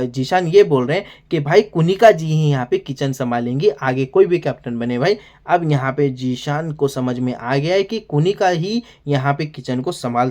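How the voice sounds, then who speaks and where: A man's voice: a little high, darkish tone. A man recapping a TV episode in a casual, rambling way, often addressing the viewer as "brother". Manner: rambling, fills every sentence with "here" and "brother"; exasperated asides to the viewer. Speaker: TV show reviewer.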